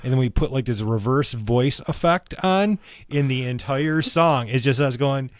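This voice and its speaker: A man's voice: mid-range voice, normal speed, background noise. A man co-hosting a film podcast, chatting casually and rambling through anecdotes with easy laughs. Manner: rambling, laughs at own stories. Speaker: podcast co-host.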